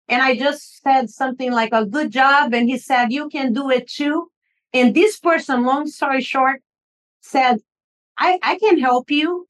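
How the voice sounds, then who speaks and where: A middle-aged Brazilian woman with a Brazilian Portuguese accent speaks earnestly as an author guest on a podcast interview. Her voice sits high and sounds a bit bright.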